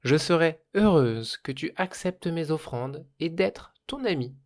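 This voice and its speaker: A man voicing a kind young village girl who speaks softly and pleads gently. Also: a little high, lively intonation, measured pace, voice pushed up. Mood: gentle. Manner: soft, pleading.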